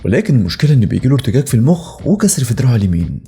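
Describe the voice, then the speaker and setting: A man with an Egyptian Arabic accent rattles through a film recap at a very fast clip. His voice is deep and mellow, and his pitch rises and falls a lot as he tells the story. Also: very animated. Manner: brisk storytelling. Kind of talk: fast scripted narration.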